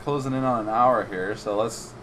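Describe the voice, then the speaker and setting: A man's voice: medium pitch, normal speed, very noisy. A man hosting a casual podcast chat, laid-back and swearing freely. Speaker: podcast host.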